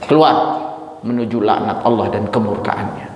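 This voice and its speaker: A man's voice: moderate pace, darkish tone, a little hiss or hum. Man preaching in an echoey mosque hall. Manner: dramatic pitch swings, addresses listeners directly. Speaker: Islamic religious teacher. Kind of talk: mosque sermon on a Quran chapter.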